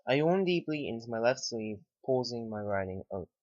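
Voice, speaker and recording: A man narrating a first-person horror story in a calm, unhurried way. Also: mid-range voice, dry recording. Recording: dry, slightly dull lo-fi home recording.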